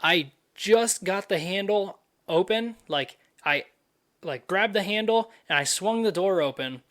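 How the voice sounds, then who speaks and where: A man's voice: high-pitched, lively intonation, a little slow, fairly bright tone. A young man hosting a podcast, telling a story in a loose, profane, casual way full of fillers. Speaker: podcast host.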